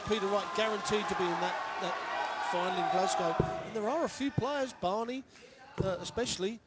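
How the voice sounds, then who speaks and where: A male co-commentator with a high-pitched voice analyses live darts. His delivery is conversational. There is clear venue noise behind him. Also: fairly quick.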